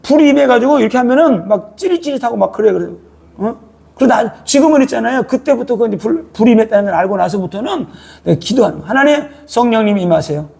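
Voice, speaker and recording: Man preaching, gravelly, husky, colloquial, keeps checking with listeners. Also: extremely high pitch, lively intonation, fast talker, mellow. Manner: colloquial, prods listeners with repeated "eh?". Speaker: pastor. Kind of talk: sermon. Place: church.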